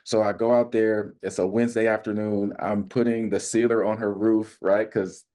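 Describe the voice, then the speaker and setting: A man from Arizona, a community minister, tells stories enthusiastically in a casual podcast chat. His voice sits somewhat low, and he talks with eager, exclamatory energy. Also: level tone, moderate pace, dark tone.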